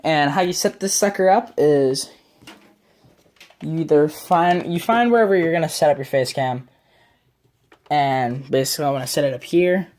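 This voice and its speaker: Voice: medium pitch, moderate pace, pauses often, darkish tone. Chatty, rambling vlogger at a desk. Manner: rambling, chatty, trails off mid-sentence. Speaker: channel host. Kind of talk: casual setup vlog. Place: small room at a computer desk. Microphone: phone camera.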